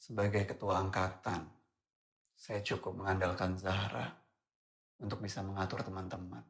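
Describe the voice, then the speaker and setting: An actor playing a stern, controlling male religious teacher at a boarding school, speaking in a cold, measured, authoritative way. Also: sits low, flat delivery, gravelly, fairly bright tone. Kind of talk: film drama.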